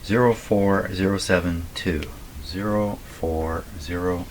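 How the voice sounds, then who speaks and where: Muttering along while he fixes radios, the video host reads things out with deliberate care in a low, steady, slightly hoarse voice. It's casual commentary from a workshop bench, and the recording is plainly noisy and full of clicks.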